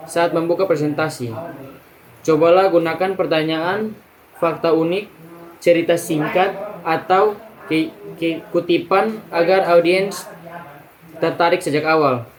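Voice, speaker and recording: Young male student presenter, slightly high voice, reads points in order, clears throat between items. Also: measured pace, long pauses, poor audio. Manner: steady, list-like delivery with restarts and throat clearing. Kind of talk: reading a class presentation.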